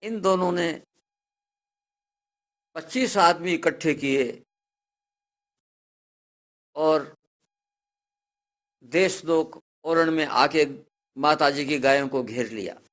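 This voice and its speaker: A man telling a devotional folk tale. He narrates dramatically and builds up to loud, cried-out passages. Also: a little high, very slow, long pauses. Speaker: storyteller.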